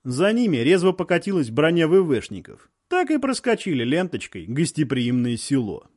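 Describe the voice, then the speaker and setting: A man narrating a war story in audiobook style, with lively storytelling. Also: a little high, moderate pace.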